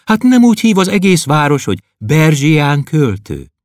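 A man reading aloud and voicing a chatty, clever young girl who talks with lively, coaxing sternness. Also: fairly high pitch, dry recording, clean studio sound, voice pushed up.

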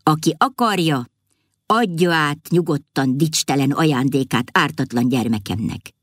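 A woman's voice: deep voice, no room sound, clean studio sound. A woman voicing an indignant fairy-tale king who scolds and lays down the law in a storybook reading. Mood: commanding. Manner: scolding, commanding. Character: stern indignant fairy-tale king, male, middle-aged.

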